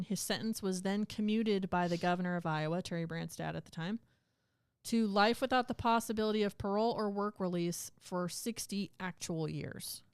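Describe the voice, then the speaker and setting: A woman's voice: mid-range voice, smooth, no room sound, studio quality. A woman co-hosting a podcast, chatting casually and retelling a legal case in plain words. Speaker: podcast co-host. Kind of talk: casual chat.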